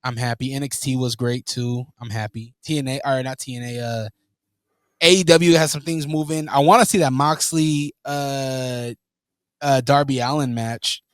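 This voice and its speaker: A man co-hosting a podcast in casual chat, animated and teasing, laughing often. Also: mid-range voice, moderate pace, dry recording, clean studio sound. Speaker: podcast co-host.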